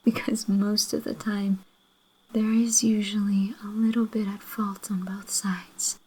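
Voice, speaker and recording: Woman playing apologetic loving girlfriend, whispered role-play, extremely breathy voice, slow gentle delivery, making up tenderly. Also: medium pitch, level tone, low-quality recording. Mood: soft, reassuring.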